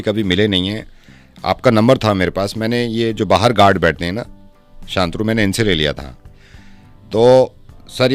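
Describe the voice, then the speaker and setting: A man doing a deep-voiced fake neighbor boy on a prank phone call. He talks low, pleading and insistent, and keeps repeating himself as he begs for help. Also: close to an everyday voice. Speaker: radio prank caller.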